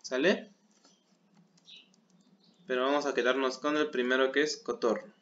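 A man's voice: mid-range voice, level tone, normal speed, fairly bright tone, muffled recording. A man teaching English words in an online class, patiently checking understanding as he goes. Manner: patient, keeps checking with "¿sale?".

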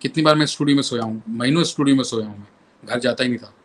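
A middle-aged man, a musician guest telling animated anecdotes in an interview and acting out other people's lines. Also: mid-range voice, rapid-fire. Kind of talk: storytelling in an interview.

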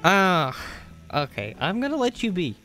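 Young man, game streamer, chatty, laughing, lively higher voice, faint game music. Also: unhurried. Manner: chatty, laughing, jokey asides. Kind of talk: live game streaming chat.

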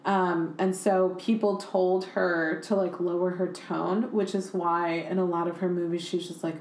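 A young woman podcast host chatting casually, animated and swearing freely, with "like" in nearly every sentence. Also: on the low side, unhurried. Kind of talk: casual chat. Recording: roomy echo.

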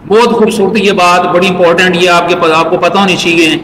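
High-voiced teacher in echoey hall. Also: male voice, flat delivery, a bit bright. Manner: repeats key points, reads English lines slowly and deliberately. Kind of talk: exam-prep classroom lecture. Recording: echoey hall with faint noise.

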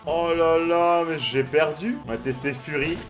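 Excitable young man on a game commentary. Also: a little high, measured pace, soft background music. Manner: excitable, swears casually. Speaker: gaming video host. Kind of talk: let's play commentary.

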